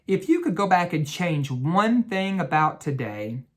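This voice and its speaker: With a sing-song lilt and a voice on the high side, a man acts as an educator reading to children at bedtime. He speaks gently and instructively, lingering on key words.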